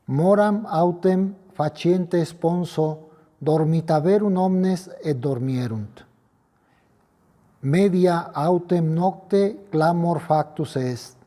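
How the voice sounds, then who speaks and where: Slow priest in a booming cathedral echo. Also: male voice, mellow. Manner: slow, measured liturgical delivery, partly chanted. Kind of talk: solemn Gospel reading and homily at Mass. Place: large church with cathedral echo.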